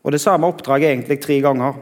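Preacher in a reverberant hall. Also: male voice, mid-range voice. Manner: conversational, searching for words. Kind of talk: sermon.

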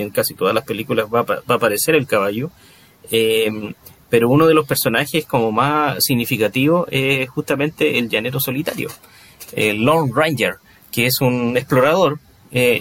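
A man's voice: mid-range voice, a bit bright. A man co-hosting a podcast who chats about western films in an easygoing way, with many fillers and hesitations. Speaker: podcast co-host. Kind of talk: casual chat about film.

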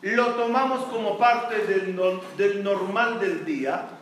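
A rabbi from Israel speaks slowly to an audience in a high, fairly bright voice, teaching Torah by asking questions and answering them on his own. The recording has room echo, faint noise, and a far-off mic.

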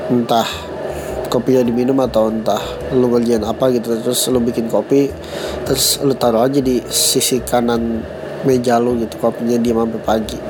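A young man with a Jakarta slang accent and a cold-stuffed nose hosts a casual solo podcast, cracking jokes at his own expense and laughing at them. His mid-range voice moves little in pitch and keeps a moderate pace. The background is noisy.

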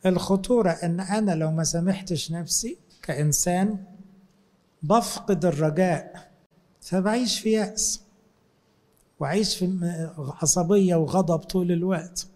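A man's voice: a little high, darkish tone. A man with an Egyptian Arabic accent, a priest giving a conversational sermon and acting out his talks with people. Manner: conversational, acts out dialogues with people.

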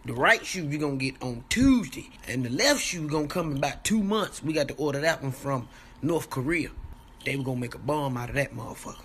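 A man's voice: mid-range voice, animated, brisk, fairly bright tone, breathy edge. A man trading roast insults in a mocking, trash-talking way.

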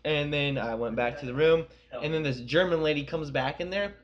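A man's voice: on the high side, a little fast, highs cut off. A young man co-hosting a podcast, telling rambling, profane stories in casual chat. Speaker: podcast co-host.

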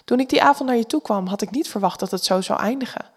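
A woman voicing a laid-back, smooth-talking man with a casual, teasing manner. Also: fairly high pitch, fast talker.

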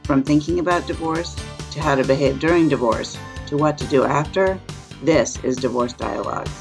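A woman's voice: sits low, normal speed. Woman reading a show intro over music. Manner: smooth, read from script. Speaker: radio show host. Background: music bed.

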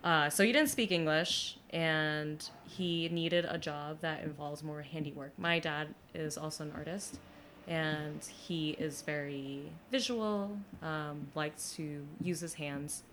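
A woman's voice: sits low, slow pace, fairly bright tone, a little hiss or hum. A young woman from Brooklyn, a guest in an interview, telling her story in a chatty way with many fillers and restarts. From Brooklyn, New York.

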